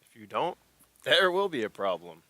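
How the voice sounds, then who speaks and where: A man puts on a cold male corporate operative in a tabletop game, threatening in calm, level terms. The voice is bright and forward. He never needs to shout to make the danger plain. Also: mid-range voice, moderate pace, no echo, pitched above the performer's own voice.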